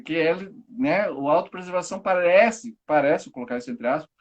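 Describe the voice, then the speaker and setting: A man talks on a live stream, unpacking ideas for a friendly audience. His voice sits high for a man, and he keeps things casual, bringing his points to life with everyday examples. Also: fast talker, lo-fi sound. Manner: lively explainer who acts out everyday examples. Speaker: enneagram teacher, guest.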